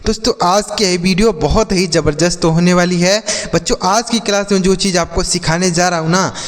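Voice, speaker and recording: High-voiced man teaching in a reverberant room. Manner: slow, deliberate letter-by-letter spelling with repeated checks to students. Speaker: English teacher. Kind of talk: classroom-style video lesson.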